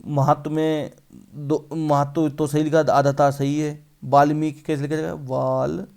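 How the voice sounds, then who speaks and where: A man's voice: a little high, flat delivery, measured pace, gravelly, darkish tone. A male teacher running an exam-prep spelling lesson, repeating each word and quizzing the viewer.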